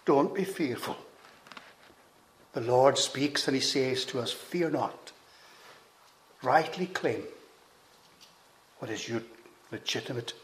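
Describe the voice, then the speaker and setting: A man delivering a sermon at an unhurried, deliberate pace. His voice sits at an ordinary middle pitch. He swells to emphatic peaks and then drops to near-hushed phrases. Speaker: preacher.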